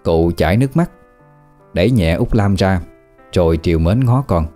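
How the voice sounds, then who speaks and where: A man narrating a ghost story in an unhurried, folksy way. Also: low-pitched, animated, mellow, faint music behind. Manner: unhurried, conversational folksy telling.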